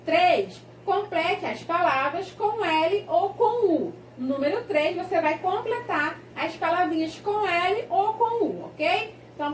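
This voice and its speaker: Slow, very high-pitched Brazilian teacher. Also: female voice, distant mic, a little hiss or hum. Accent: Brazilian Portuguese. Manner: slow, sing-song teacher talk to young children. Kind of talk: remote class lesson reading a textbook. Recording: echoey room, voice off-mic.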